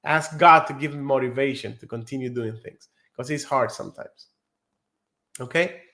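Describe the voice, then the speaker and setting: A man from Cuba, teaching a live online nursing exam lesson in an earnest, encouraging way, slowing down to stress key words. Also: mid-range voice, pushed and bright.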